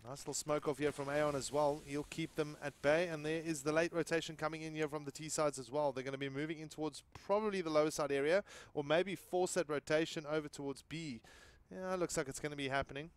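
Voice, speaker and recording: A man from South Africa giving excitable play-by-play commentary on an esports match, rising loudly on big plays. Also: fast talker, hardly any pauses, smooth. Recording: low-quality stream audio.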